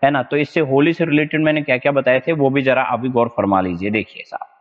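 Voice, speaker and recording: A man's voice: medium pitch, quick pace. A man from India teaching English vocabulary for exam prep in a live online lesson, drilling words and checking that students follow. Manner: drills words, keeps asking "is that clear?". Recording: lo-fi with long room reverb.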